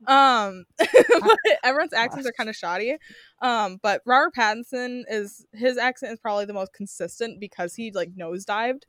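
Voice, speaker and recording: A woman's voice: fairly high pitch, expressive, normal speed, a bit bright, dry recording. A woman co-hosting a late-night podcast in casual chat, laughing often and swearing bluntly. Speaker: podcast co-host.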